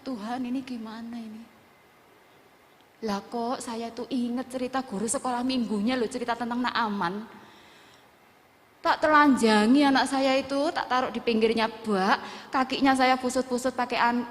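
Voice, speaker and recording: Preacher woman, middle-aged, higher voice, heartfelt testimony in a hall with long echo. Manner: storytelling with Javanese words mixed in, emotional. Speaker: preacher at a women's church service. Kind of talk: sermon testimony. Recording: long reverb of a church hall.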